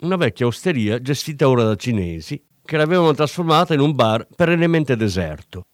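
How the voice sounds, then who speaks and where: Guy reading a crime audiobook, lively up and down pitch, dry close sound, soft music under. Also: a little fast, dry recording. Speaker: narrator. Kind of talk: audiobook narration.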